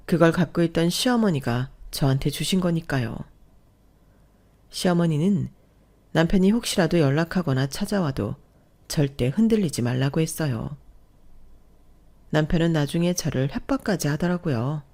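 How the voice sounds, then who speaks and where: A woman narrating a scripted personal story in a calm, even way. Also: low voice.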